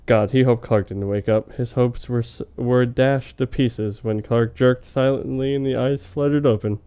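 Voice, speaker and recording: This fan fiction reader for a comedy web show has a mid-range, smooth, clear voice and keeps a moderate pace. He hams up the narration with mock drama, then relaxes into soft-toned, joking asides.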